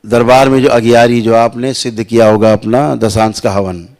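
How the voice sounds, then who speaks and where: A man teaching devotees slowly, repeating sounds to show the right pronunciation and checking that listeners follow. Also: mid-range voice, fairly even intonation, a little mellow. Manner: asks listeners "है ना" and "समझ रहे हैं आप". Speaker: spiritual teacher. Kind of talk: slow spiritual instruction to devotees.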